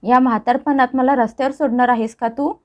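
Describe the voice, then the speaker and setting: A woman voicing an older, furious, scolding mother-in-law who shouts accusations, on a dull lo-fi recording. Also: high-pitched, fairly even intonation, a little fast, natural voice.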